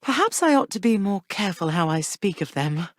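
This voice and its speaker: A woman's voice: mid-range voice, sing-song, fairly quick, no room sound, clean studio sound, natural voice. An actress voicing Persephone, a tender, proud goddess mother who speaks in formal, old-fashioned phrases. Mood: earnest. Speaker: game character voice. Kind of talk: game voice lines.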